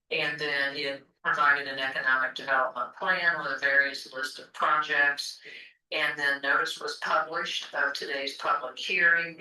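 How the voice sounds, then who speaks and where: A woman's voice: low voice, sharp tone. Woman on a distant speakerphone. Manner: measured, procedural, with frequent "uh" fillers. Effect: heard over a speakerphone. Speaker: legal counsel. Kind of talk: formal briefing at a public meeting. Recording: distant echoey speakerphone in a meeting room.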